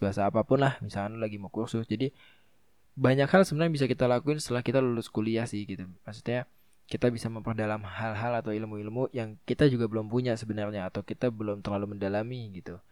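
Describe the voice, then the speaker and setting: Young Jakartan man with a soft lisped r. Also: on the low side, dry recording. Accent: Jakartan Indonesian. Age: young adult. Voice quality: lisp, trouble saying r. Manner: informal, rambling, repeats phrases. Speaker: podcast host. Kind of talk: casual solo advice talk.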